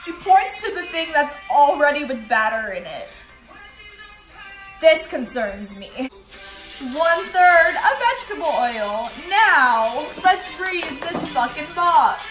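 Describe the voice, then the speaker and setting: A woman's voice: high-pitched, sing-song, slow, fairly bright tone, faint music behind. A woman in her twenties, giggly, tipsy and blunt, swearing as she chats casually in a home kitchen. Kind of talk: casual chat while baking. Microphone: phone camera a little way off. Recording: echoey kitchen phone video.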